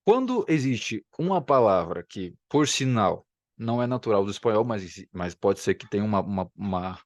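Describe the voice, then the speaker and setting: A man with a fairly low voice teaches a language lesson in an explanatory video shot at home, the camera pointed at him. He patiently repeats words to demonstrate sounds, and there is no room sound on the recording.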